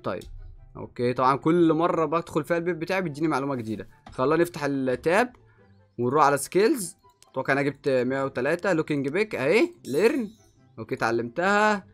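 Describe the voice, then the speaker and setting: A young man with an Egyptian accent giving excitable let's play commentary, swinging from muttering to yelling. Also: fairly high pitch. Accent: Egyptian Arabic. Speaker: gaming YouTuber.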